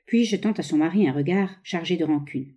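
Woman with a mellow narrating voice. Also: on the low side, brisk. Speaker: audiobook reader. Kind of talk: narrating a novel aloud.

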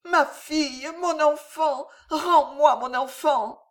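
A reader voicing a desperate mother who begs and cries out in a high, shrill voice. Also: takes it slowly. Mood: frantic pleading. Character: desperate mother, frantic and pleading.

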